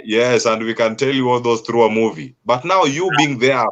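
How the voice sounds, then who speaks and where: A man with a Kenyan accent hosting an interview, asking long, winding questions with slow, emphatic phrasing. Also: medium pitch, muffled recording. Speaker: host. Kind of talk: interview host.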